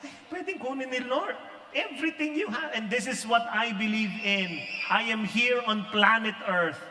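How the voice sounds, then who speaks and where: A man's voice: very high-pitched, moderate pace, bright, forceful tone. A middle-aged man preaching a humorous sermon, mixing in English and acting out stories with playful asides. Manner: mixes Filipino and English, jokey, acts out quotes. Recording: echoey hall with faint ambience.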